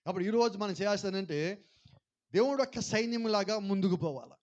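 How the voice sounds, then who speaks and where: A male pastor preaching a sermon, mixing in English phrases and urging the congregation to respond louder. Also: high voice, animated, fast talker, muffled recording.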